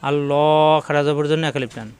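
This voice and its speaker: A man teaching an online Quran lesson, spelling words letter by letter and chanting slow examples. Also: a little high, clear, resonant tone. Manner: chants the call to prayer slowly in demonstration.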